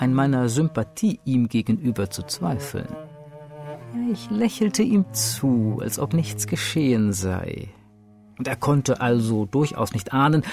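A man narrating a story in the first person, measured and dramatic with a sly edge. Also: mid-range voice. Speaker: audiobook narrator.

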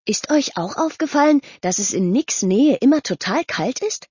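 A woman's voice: high voice, animated, normal speed, a little mellow, breathy edge, no room sound, voice pushed up. A woman voicing an earnest, chatty teenage girl who talks insistently. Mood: eager. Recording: dull lo-fi audio.

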